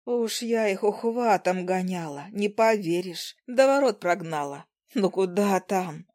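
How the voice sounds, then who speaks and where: A woman's voice: medium pitch, animated, measured pace, darkish tone, close to an everyday voice. A woman voicing a kindly, worried older aunt who talks in a homely, confiding way. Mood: indignant.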